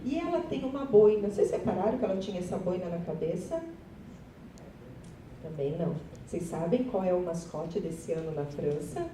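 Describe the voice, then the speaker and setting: A woman teacher with a Brazilian Portuguese accent presents her class project to fellow teachers, chatty and nervous, often turning to the audience. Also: warm tone. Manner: nervous, chatty, self-deprecating, addresses audience. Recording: echoey hall, voice from far off, faint rumble.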